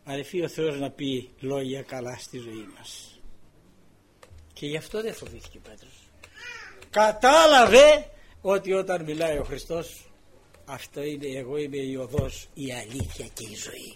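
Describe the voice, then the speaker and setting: A man's voice: mid-range voice, a little mellow. An older man preaching a sermon, telling a personal story and acting out the quoted dialogue with many repeated words.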